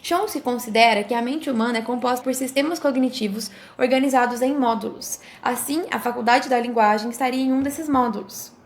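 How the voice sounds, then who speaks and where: A young woman with a high-pitched voice reads a prepared academic explanation aloud. Her delivery is steady and scripted, with the odd slip she quickly restarts. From Brazil. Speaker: student presenter.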